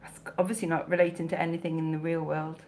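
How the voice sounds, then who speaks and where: Speaking fast in a deep, slightly mellow voice with little pitch movement, this South Wales woman in her thirties has a mild Welsh accent. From her home bedroom with shelves, the vintage clothing reseller runs a casual live stream, answering comments with self-mocking jokes and chatty asides. Captured on a close-up webcam or phone, the audio has a faint hiss or hum.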